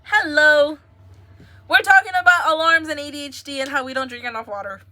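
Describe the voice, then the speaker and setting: A young American woman with a high, brisk, bright, forceful voice chats casually on a livestream, giggling as she rambles to her viewers.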